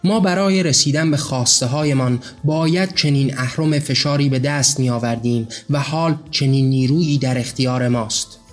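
A man's voice: mid-range voice, hardly any pauses, faint music behind, lightly acted. A man voicing a pompous, commanding self-styled male leader of a madhouse in a read-aloud story. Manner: commanding, stately.

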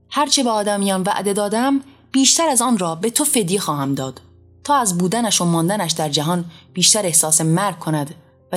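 Woman reader plays a wrathful enthroned male deity; loud, commanding, shouted lines. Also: on the low side, lightly acted.

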